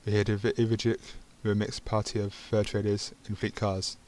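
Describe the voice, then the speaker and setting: A man's voice: fairly low pitch, monotone, brisk, darkish tone, a little hiss or hum. A man reading a narrative game's text aloud, stumbling over words and adding dry asides of his own. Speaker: gaming channel host.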